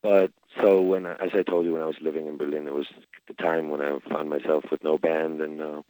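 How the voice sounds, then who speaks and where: A man's voice: a bass voice, level tone, brisk, dark tone, dry recording, low-quality recording. A Spanish man in his twenties, a musician, talking in a casual interview with many fillers and restarts. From Spain. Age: 20s. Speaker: musician guest.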